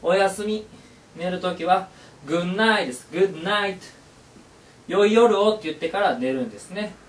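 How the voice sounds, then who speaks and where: A man's voice: sits high, a little fast. A male teacher who gives a classroom lesson, upbeat and encouraging, repeating phrases aloud. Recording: echoey room, voice from far off.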